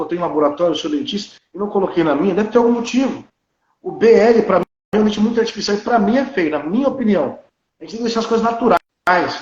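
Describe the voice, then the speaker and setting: A man in his late thirties with a fairly high voice talks in a blunt, opinionated way, clearly sure of his views. He is from Brazil and speaks as a working dentist. The sound is dull and lo-fi, in an echoey room. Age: 30s. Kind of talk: casual conversation.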